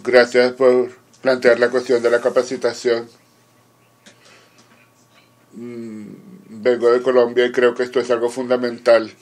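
With a medium-pitched, monotone voice, a male conference interpreter delivers formal simultaneous interpretation in short, measured phrases with halting pauses.

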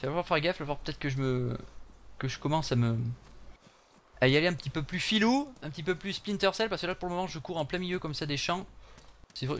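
Young guy talking over his game, slightly high voice, chatty and jokey with viewers. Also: fairly bright tone. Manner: chatty, joking asides to viewers. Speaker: gaming channel host. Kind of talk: live gameplay commentary.

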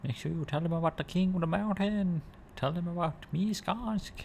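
A man putting on a high, strained voice for a boastful, proud male dwarf king in a game. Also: moderate pace, gravelly, darkish tone, slight background noise.

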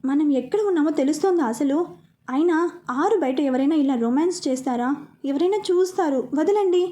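A woman's voice: high voice, brisk, mellow, natural voice. A woman reading the part of a shy young woman who gets flustered and pouts at her lover in a romantic storybook narration. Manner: flustered, pouting.

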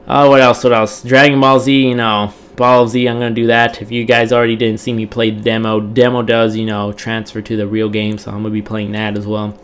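A man's voice: fairly low pitch, level tone, brisk, hardly any pauses, a bit bright, clean tone. Tired rambling young man gaming vlogger. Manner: rambling, repetitive, with many fillers. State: tired, throat recovering from strain. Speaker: gaming channel host. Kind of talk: casual chat to viewers.

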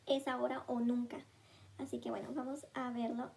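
Gushing young woman, high pitch. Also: level tone, normal speed, creaky, a little hiss or hum. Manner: gushing, exclamatory, hushed at times. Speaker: vlogger reacting to a music video. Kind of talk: excited reaction vlog.

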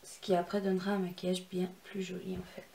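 A woman's voice: on the low side, monotone, fast, vocal fry, noisy background. A young woman walking viewers through a makeup tutorial in a chatty, instructive way, with self-deprecating asides. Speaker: beauty vlogger.

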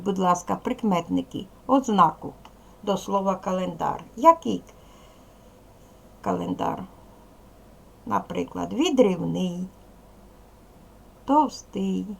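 This primary school teacher has a Ukrainian accent and a medium-pitched voice. In a recorded lesson for little kids, she gives her instructions slowly and clearly.

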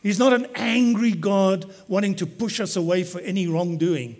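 A man's voice: high-pitched, moderate pace, darkish tone. A man preaching a sermon as pastor, talking to the congregation in a conversational, joking way. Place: church.

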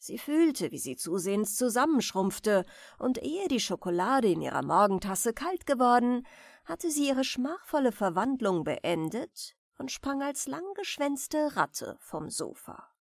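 A woman reads a bedtime fairy tale slowly and calmly, her fairly high voice rising and falling with lively melody. The sound is close and dry, with no room around it. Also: vocal fry, dry recording. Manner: calm, gentle storytelling. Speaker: audiobook narrator.

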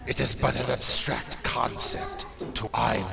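A man voicing a huge, solemn demon in a video game, slow and archaic, with his pitch lowered and an echo added. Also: steady tone. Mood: stern, accusing. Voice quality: deep, gravelly demonic voice. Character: huge solemn male demon judging sinners.

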